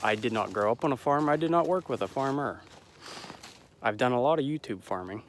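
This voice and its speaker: A man's voice: mid-range voice, lively intonation, fairly quick, a little hiss or hum. Young male farmer filming himself in a field, slightly winded and stuffy, chatty and self-deprecating, mid-range voice. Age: young adult. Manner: rambling, self-deprecating, adds disclaimers. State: out of breath, has a cold. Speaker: farmer vlogger. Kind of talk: casual outdoor farm vlog. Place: outdoors in a winter pasture.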